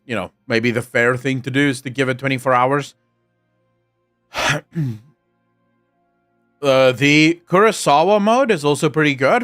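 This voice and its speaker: A young South African streamer with an Afrikaans accent, Afrikaans being his native tongue, talks casually with viewers in a mid-range, slightly bright voice. He's profane throughout, ranting and cracking jokes.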